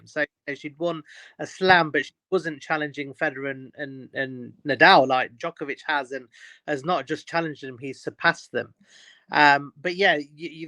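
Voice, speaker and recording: A man's voice: fairly high pitch, pushed and bright, no echo. A man with an emphatic manner and many restarts, talking in a casual podcast chat.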